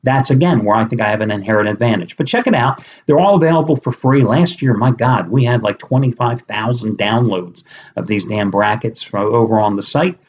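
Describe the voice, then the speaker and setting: A man's voice: fairly low pitch, a little fast. A middle-aged man, a sports handicapper, gives a blunt, conversational betting preview with some mild swearing. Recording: slightly dull lo-fi recording.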